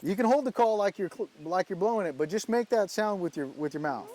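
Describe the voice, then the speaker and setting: A man with a notably high voice works through a practical demonstration as a calling instructor. He explains in a casual, folksy way, step by step. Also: lively intonation, brisk, darkish tone.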